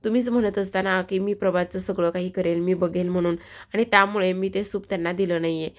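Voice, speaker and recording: A woman's voice: lowish voice, steady tone, quick pace, natural voice. A woman voicing a worried mother-in-law who asks questions and tries to placate others.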